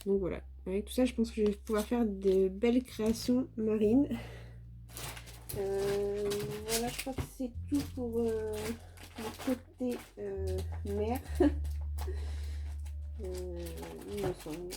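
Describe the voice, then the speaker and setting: A French woman, a craft vlogger, chats casually through a show-and-tell haul in a mid-range voice at a measured pace, with background noise audible. She's hesitant, stumbling over words and using many fillers.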